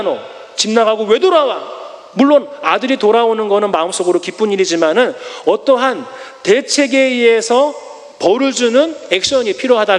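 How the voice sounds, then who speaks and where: A long reverb follows the high-pitched voice of a male pastor giving his Sunday sermon in a church sanctuary. He tells the story animatedly, asking rhetorical questions and performing quoted lines.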